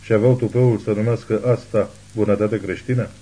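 A man narrating an audiobook novel in a steady, measured reading. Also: fairly low pitch, rough recording.

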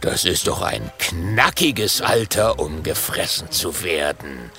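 Storybook villain: a big, hungry male dragon with a slow, booming grumble and a gravelly edge, played by a man. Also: lively intonation, pushed and bright, soft background music, full character voice. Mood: grumbling.

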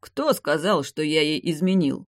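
A woman's voice: low-pitched, animated, moderate pace, dry recording, clean studio sound. A woman voicing a cool, self-assured young nobleman who mocks his rival, in an audiobook. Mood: mocking. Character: cool confident young nobleman, the heroine's beloved.

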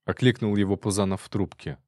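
Brief: male storyteller, low voice, expressive reading, dry studio. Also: a little fast, no echo. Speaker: narrator. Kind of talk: scripted audiobook narration.

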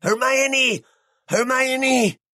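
Man doing a panicked teen boy, high strained voice, desperate yelling, audiobook. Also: fairly even intonation, very slow, no echo, studio quality, full character voice.

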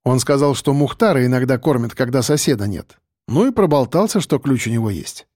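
A man reading an audiobook voices Kolya, a brash, joking male sidekick, in a higher, livelier voice. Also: expressive, fairly quick, darkish tone, dry recording, clean studio sound, close to an everyday voice. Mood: cheeky.

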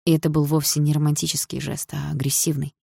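A woman reading a first-person novel aloud in a soft, expressive way. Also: low-pitched, quick pace, creaky, slightly rough, no room sound, clean studio sound. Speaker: audiobook narrator.

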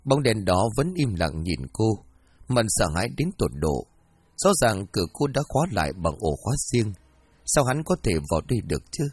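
A man narrating a ghost story in an expressive storytelling manner, as an audiobook. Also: on the low side, moderate pace, husky.

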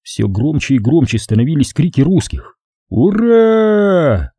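A man's voice: medium pitch, lively intonation, normal speed, warm tone, husky, no echo, clean studio sound. A man reading a war novel aloud as dramatic audiobook narration. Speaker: audiobook reader.

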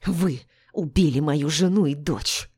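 A bitter middle-aged doctor from an audiobook snaps his lines with open contempt, as a woman reads him. The voice sits low and dark. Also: measured pace, husky. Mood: furious. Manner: harsh, snapping and contemptuous. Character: gruff embittered middle-aged male doctor.

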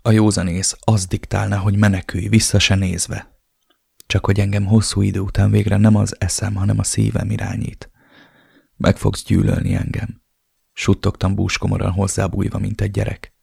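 Deep gravelly male audiobook narrator. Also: monotone, darkish tone, no room sound, studio quality. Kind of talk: first-person audiobook narration.

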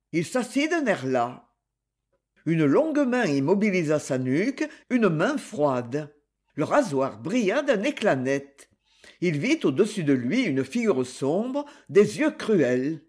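A man reading a crime novel aloud as an audiobook narrator, in a dramatic, expressive way. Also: a little high, breathy edge.

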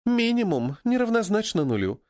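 A man voicing a calm, sweetly condescending woman priestess. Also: high voice, normal speed, dry recording, studio quality, voice pushed up. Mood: serene. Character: serene sly woman priestess.

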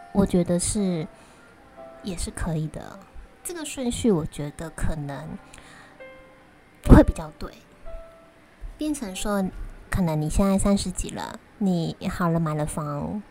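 A woman with a Taiwanese accent chats casually to viewers as a vlog host, talking while eating, in a halting way. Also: lowish voice, dark tone. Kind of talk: casual solo chat to viewers. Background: prominent music.

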